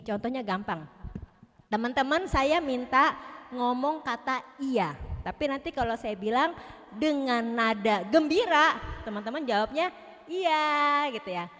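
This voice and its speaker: Chatty high-voiced woman speaker. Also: a bit bright. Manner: chatty, playful, laughs often, talks to the audience. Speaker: youth church speaker. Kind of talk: casual church youth talk. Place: church hall. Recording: reverberant hall.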